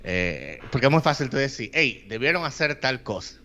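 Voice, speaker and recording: A man's voice: mid-range voice, big pitch swings, moderate pace, pushed and bright. A man, co-hosting a podcast, explaining at length and mixing in English phrases. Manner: rambling explanations with English phrases and many "eh" fillers. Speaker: podcast co-host. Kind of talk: casual chat.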